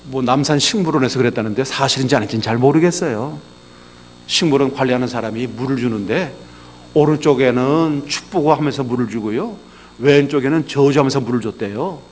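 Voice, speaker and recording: A man preaching a sermon in a folksy, conversational way, telling anecdotes and moving between quiet asides and raised exclamations. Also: fairly quick, slight background noise. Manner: animated storytelling, swinging between low asides and raised exclamations. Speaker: pastor.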